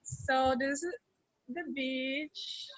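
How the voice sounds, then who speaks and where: A woman's voice: high-pitched, steady tone, extremely slow, fairly bright tone, dry recording, muffled recording. A middle-aged woman, from Venezuela and raised in Aruba, chatting casually as an interview guest and repeating words for emphasis. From born in Maracaibo, Venezuela, raised in Aruba from age eight. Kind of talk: casual chat on a video call. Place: open-air beach restaurant at a hotel. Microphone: phone on a video call.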